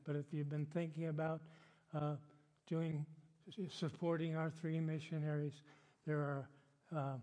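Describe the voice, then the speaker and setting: An older man preaching a sermon as the church pastor, chatty and unhurried, with frequent laughs and filler words. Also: on the high side, mellow. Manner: chatty, slow, laughs often, many fillers. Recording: long hall reverb. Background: congregation responding.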